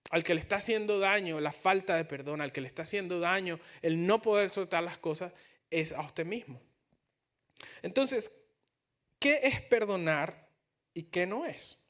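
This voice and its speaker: A man's voice: sits high, normal speed, a bit bright. A male pastor preaching a sermon in Spanish. He is earnest and often repeats words or restarts as he builds his points.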